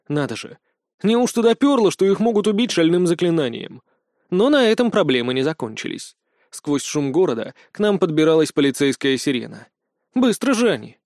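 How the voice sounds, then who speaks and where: A man reads a fantasy audiobook in the first person, measured and expressive. His voice sits a little higher than most men's. The sound is close and dry, with no room around it. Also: dry recording. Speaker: audiobook narrator.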